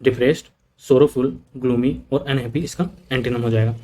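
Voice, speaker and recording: A man's voice: medium pitch, fairly even intonation, brisk, warm tone. A man teaching an exam prep lesson, repeating word lists and checking in with "okay" often. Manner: repeats points with frequent "ठीक है" checks; mixes English terms into Hindi explanation.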